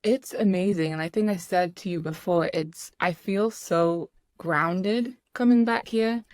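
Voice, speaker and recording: A woman's voice: fairly low pitch, a little slow, no echo, clean studio sound. A middle-aged woman from the UK islands, a guest talking reflectively in a casual podcast chat, with many ums and restarts. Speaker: guest, clinical social worker.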